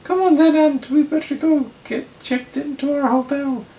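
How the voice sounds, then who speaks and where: A man doing a shrill falsetto traveller. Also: steady tone, moderate pace, dark tone, roomy sound. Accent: slight Irish. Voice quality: squeaky falsetto.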